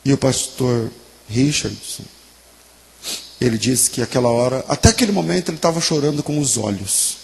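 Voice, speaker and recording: A male pastor delivers an emotional sermon told as a story. His voice sits at a middle pitch with a gravelly rasp, dropping hushed and then pressing hard. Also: moderate pace. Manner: emotional, swings from hushed to emphatic.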